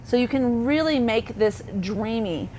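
A woman's voice: on the high side, lively intonation, unhurried, dark tone. Chatty woman giving a motorhome tour. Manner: chatty and thorough, with frequent fillers and self-corrections. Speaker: RV sales associate. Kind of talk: walkthrough product tour. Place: inside a parked motorhome. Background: faint hum of air conditioning.

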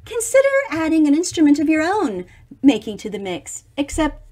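A middle-aged woman reads a picture book aloud to young listeners in a high, sing-song, warm voice at a normal pace. She's expressive and theatrical, stretching out words and slipping in chatty asides, like a children's storybook reader.

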